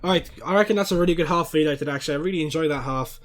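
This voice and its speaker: A young man streaming a football watchalong, chatting casually and swearing, and breaking into loud high-pitched rants at fouls. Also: very fast.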